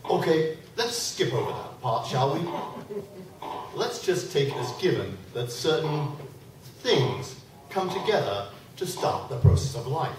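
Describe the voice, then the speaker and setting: Acting in a comic radio play before a live audience, a man with a fairly high pitch plays an eccentric doctor who is smug, patronising, and sourly misogynistic. It's a stage performance in a convention room, captured as an echoey, distant live recording with background noise.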